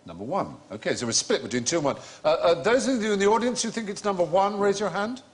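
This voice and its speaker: A man's voice: high-pitched, lively intonation, fast. A man hosting a comedy quiz panel show in a studio, explaining answers with a genial, storytelling manner. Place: studio with live audience.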